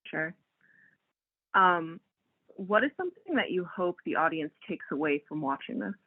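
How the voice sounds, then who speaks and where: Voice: medium pitch, expressive, moderate pace. An interviewer asks questions over a tinny, phone-like connection. The voice sits in a middle range, and the delivery is tentative, with each question eased in by an "um". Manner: hesitant, starts questions with "um".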